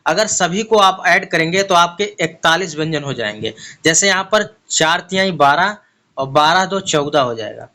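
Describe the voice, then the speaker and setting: A man teaching an exam-prep grammar lesson, explaining step by step and asking and answering his own questions, slowly spelling out letters one at a time. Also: high voice, bright, forceful tone. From India.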